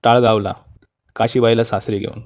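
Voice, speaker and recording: A man's voice: medium pitch, flat delivery, normal speed, lightly acted. Man playing a meek pleading old father. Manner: soft, pleading, subdued. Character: frightened older village father, pleading and meek.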